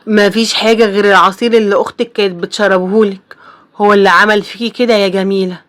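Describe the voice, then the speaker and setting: A woman's voice: medium pitch, fairly even intonation, fast talker, fairly bright tone, lightly acted. A woman voicing a tender worried young husband. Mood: earnest. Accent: Egyptian Arabic. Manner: tender, pleading, says darling often. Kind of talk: storybook voice acting.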